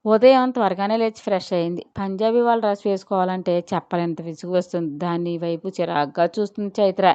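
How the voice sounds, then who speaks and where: Woman storyteller, measured and expressive; smooth clear tone, dry, slightly dull recording. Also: lowish voice, no room sound. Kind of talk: scripted story narration.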